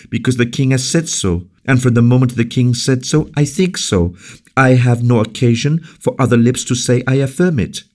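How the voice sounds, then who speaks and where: Reading a novel aloud as an audiobook, a man voices a young noble lady at court who pleads with fervent, principled conviction in a raised voice. His voice is deep and warm, with this character pitched above his own natural voice yet still close to an everyday speaking voice.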